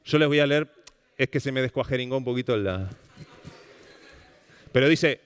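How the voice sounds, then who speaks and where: A man's voice: medium pitch, normal speed, smooth. Argentine man lecturing in a hall. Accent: Rioplatense Spanish. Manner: animated, questioning the audience often. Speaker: speaker giving a public talk on language. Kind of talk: public lecture. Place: lecture hall at a cultural center. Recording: long reverb of a hall.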